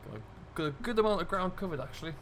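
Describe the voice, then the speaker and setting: A gaming video creator hosts a casual farming-simulator let's-play, chatting in a relaxed running commentary to his viewers. He has a high, animated voice and talks rapid-fire, with a faint hiss or hum in the audio.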